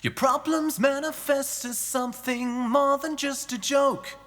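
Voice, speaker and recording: A woman's voice: sits high, steady tone, measured pace, a bit bright. A woman singing a rock vocal, heard with a heavy plate reverb effect on her voice. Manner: sustained melodic singing. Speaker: singer on a demo track. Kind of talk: sung vocal in a rock song. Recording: song played back with guitar.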